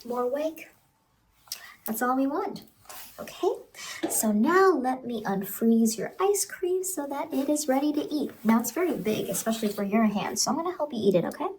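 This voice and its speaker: Playing an eerie but cheerful clown who sells ice cream, a woman speaks softly and close-up to a child in a horror ASMR roleplay, coaxing and reassuring over background noise. She sounds soothing and doting, with a high-pitched, expressive voice at normal speed and poor audio.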